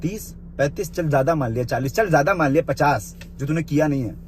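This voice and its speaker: This vlogger talks fast with lively intonation and a fairly high pitch, amid slight background noise. Reacting to a rival's live video, he delivers a confrontational point-by-point rant to camera, bluntly scolding the other man and addressing him with the informal "you."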